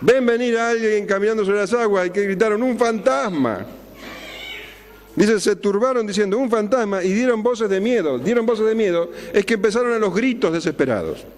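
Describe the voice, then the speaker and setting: A man preaching an expository sermon, slowing down and dropping low on key words for drama. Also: animated, a little mellow, slight background noise. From Argentina. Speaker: pastor. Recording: long hall reverb.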